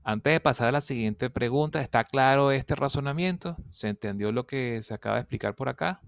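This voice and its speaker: Gravelly man explaining solved problems. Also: mid-range voice, brisk, no room sound. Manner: patient, checks understanding with "¿ok?" and "fíjense". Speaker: statistics teacher.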